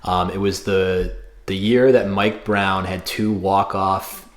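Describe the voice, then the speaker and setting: A man's voice: low-pitched, steady tone, slow pace. A man in his thirties co-hosting a casual sports podcast, telling rambling stories full of fillers and restarts. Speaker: podcast co-host. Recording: roomy echo.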